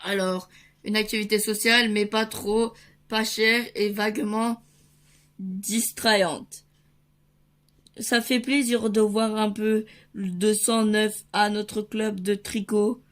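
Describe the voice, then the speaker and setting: A woman reads a comic book aloud, taking her time over each line. She moves between the characters and throws in playful sound effects. Her pitch sits in an ordinary middle range. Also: little pitch movement, slow pace.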